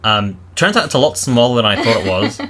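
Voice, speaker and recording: A man co-hosting a vlog in casual chat, animated and laughing as he rants, out walking by a river. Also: fairly low pitch, fairly quick. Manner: animated, laughs while ranting. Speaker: vlog co-host.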